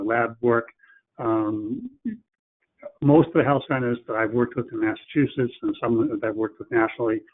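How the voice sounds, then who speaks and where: A man presenting in a webinar, talking in a plain, practical way and often restarting his phrases. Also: mid-range voice. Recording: phone-like webinar audio.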